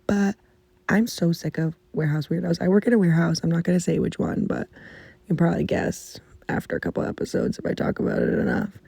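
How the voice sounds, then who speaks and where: A young woman talks casually into a mic muffled under a blanket in her bedroom, ranting with exasperation and the odd curse. Her voice sits a little low, with a mellow, dark tone and plenty of gravelly fry. The sound is close and dry. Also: lively intonation, fast talker, dry recording. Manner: chatty, exasperated ranting with swearing. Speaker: podcast host. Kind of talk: casual chat.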